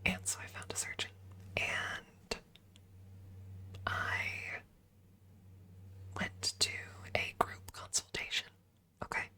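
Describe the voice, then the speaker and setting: A woman hosting an ASMR livestream talks slowly, with long pauses, in a bright, forceful tone. Her chat is informal, as if she's thinking out loud, and the close mic is tuned for ASMR.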